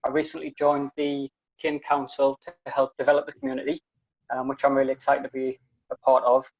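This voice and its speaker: Over a video call from a small room at home, a young British man with a broad accent reads out community questions as a council member, friendly and full of ums. His voice is medium-pitched, fairly quick, and gravelly, and the earphone headset gives dull audio.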